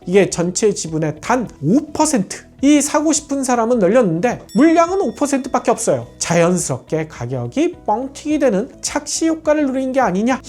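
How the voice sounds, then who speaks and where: A woman's voice: medium pitch, darkish tone. A woman narrating a scripted finance explainer in a punchy, dramatic way, posing rhetorical questions as she goes.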